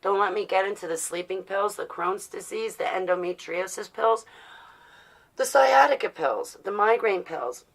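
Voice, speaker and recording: A vlogger in her forties from New Jersey speaks with vocal fry in a mid-range voice at a moderate pace, and the recording is rough. With her American accent, she rambles casually and bluntly about personal matters, defiantly posing rhetorical questions.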